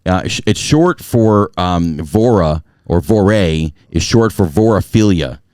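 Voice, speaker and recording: A man's voice: low voice, animated, a little slow, darkish tone, dry recording, clean studio sound. A man hosting a casual podcast chat, explaining topics and reading notes aloud. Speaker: podcast host.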